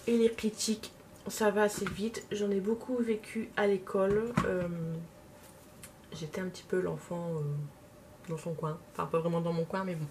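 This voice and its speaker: A woman's voice: medium pitch, flat delivery, normal speed. Young woman w/ a bit of a lisp, chatting while doing makeup, lots of euhs, some faint hiss. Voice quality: slight lisp. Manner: hesitant, many fillers. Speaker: makeup vlogger.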